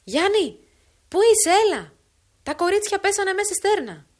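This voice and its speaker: Woman reader doing a crafty old village woman, loud and frantic, storybook drama. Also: high voice, lively intonation, pitched above the performer's own voice. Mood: shouting. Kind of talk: dramatic audiobook reading.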